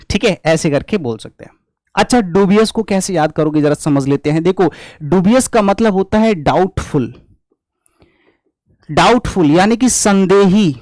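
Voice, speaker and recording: Indian male teacher, young, high voice, dry close sound, repetitive quizzing delivery. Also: a little mellow, dry recording. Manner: repetitive, quizzing students with rhetorical questions. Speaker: English teacher. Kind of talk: vocabulary lesson.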